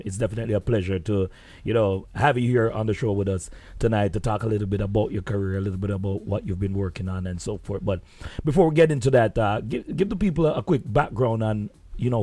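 A man's voice: lowish voice, fairly quick, dark tone, dry recording. Male radio host, dry sound. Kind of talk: casual interview chat.

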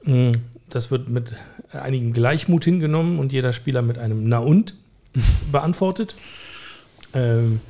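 A man's voice: mid-range voice, unhurried, dark tone. A man co-hosting a casual football podcast, rambling with many fillers and dry humor. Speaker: podcast co-host.

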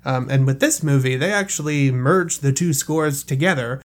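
Man, podcast co-host, casual explainer, middle pitch, relaxed chat. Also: normal speed. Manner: explanatory, casual swearing, filler-heavy. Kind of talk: casual film-music discussion.

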